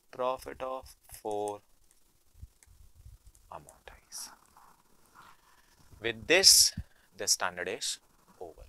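A young Indian man lectures as a teacher in a bright, forceful voice of medium pitch. He switches between Hindi and English mid-sentence with an Indian accent. He works through problems step by step and repeats key phrases. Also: clear, resonant tone, low-quality recording. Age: young adult. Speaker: accounting teacher.

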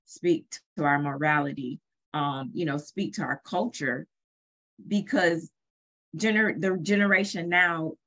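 A woman with a low-pitched voice joins the interview discussion, thoughtful and reflective. She often repeats words as she gathers her ideas. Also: a little slow, fairly bright tone. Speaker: co-host.

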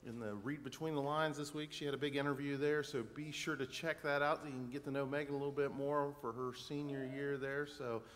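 A man's voice: medium pitch, steady tone, a little fast, hardly any pauses, a bit bright. A man giving church announcements in a chatty, loose way, full of fillers and restarts. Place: church sanctuary. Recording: long church reverb with faint ambience.

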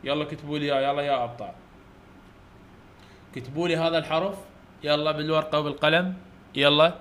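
A man's voice: on the high side, fairly even intonation, fast, fairly bright tone. A man with an Iraqi Arabic accent teaching English letters to children in an online lesson, coaxing them to repeat and praising them often. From Iraq.

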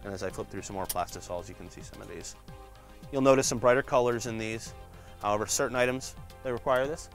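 Low-voiced man giving a shop tour. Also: quick pace, faint music behind. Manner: relaxed, frequent "uh" fillers, explains while flipping through shirts. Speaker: print shop department guide. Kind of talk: casual walkthrough showing products.

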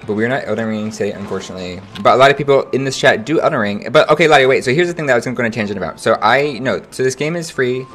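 A young man streaming a game, chatting casually with viewers in an animated, slangy way. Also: medium pitch, rapid-fire, few pauses, soft background music. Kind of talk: casual livestream chat.

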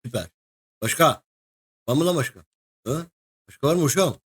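A young man giving casual, excitable commentary while playing a game, chatting to the creatures and a co-player. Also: fairly high pitch, moderate pace, husky. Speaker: gaming video host. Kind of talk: casual let's-play commentary.

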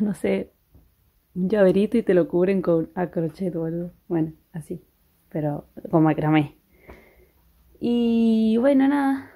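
A young woman vlogs casually from her rural house, her voice low and weak from illness, often half-whispering and cooing at dogs. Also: dark tone, husky. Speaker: vlogger. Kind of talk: casual vlog narration. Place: rural house, partly outdoors.

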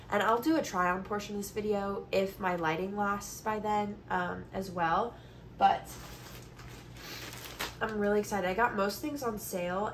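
A woman in her twenties films a casual, informal haul chat on her phone in her bedroom, her mid-range voice congested from allergies. The phone sits about arm's length away or further, and the recording picks up noticeable background noise.

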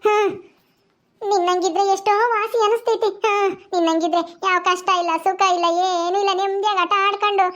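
A woman's voice: very high voice, steady tone, a little fast, a bit bright, voice pushed down. A woman playing a married village woman who has been thrown out of her home. She laments tearfully and sighs often. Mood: lamenting. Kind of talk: village comedy skit.

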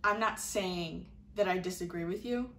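A young woman acting a dramatic monologue as a hurt, indignant woman, exasperated and sarcastic in a halting delivery. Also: lowish voice, fairly bright tone. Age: young adult. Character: hurt, indignant young woman confronting someone who belittles her. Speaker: actor performing a monologue. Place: small indoor room before a curtain. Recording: echoey room, faint background hiss.

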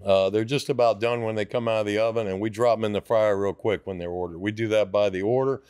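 A man's voice: on the low side, fairly even intonation, fast, a little mellow, clean tone, no room sound. A man in his sixties, a restaurant owner, talking casually in an interview with many fillers and restarts, into a studio microphone. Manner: rambling, hesitant with many fillers. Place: podcast studio. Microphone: studio mic on boom arm.

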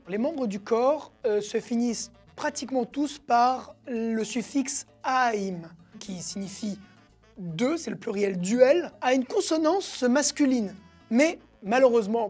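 A woman teaching a recorded language lesson, patiently explaining and repeating words slowly. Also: fairly high pitch, darkish tone.

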